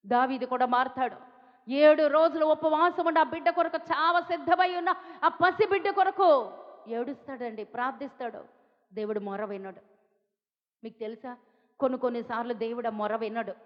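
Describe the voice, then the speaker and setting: Telugu lady preacher, high voice, lots of rhetorical questions, echoey hall, muffled sound. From India. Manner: emphatic repetition, rhetorical questions, pleading. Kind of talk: sermon. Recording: dull sound with long hall reverb.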